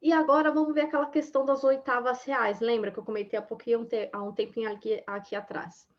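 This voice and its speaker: A woman's voice: on the high side, flat delivery, quick pace. A woman teaching a lesson in a chatty, casual way, full of little fillers. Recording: dull lo-fi sound.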